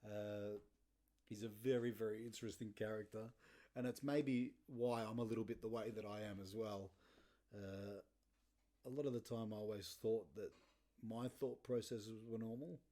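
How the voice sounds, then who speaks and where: A man's voice: on the low side, steady tone, normal speed, dark tone. A man in his thirties hosting a podcast, telling blunt, sweary stories casually and laughing often. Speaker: podcast host. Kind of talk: casual storytelling monologue.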